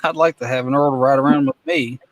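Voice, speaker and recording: Joking talk-show host, dry close sound. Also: male voice, medium pitch, fairly even intonation, no room sound. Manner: joking, quick banter. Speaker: podcast host. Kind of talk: casual talk-show chat.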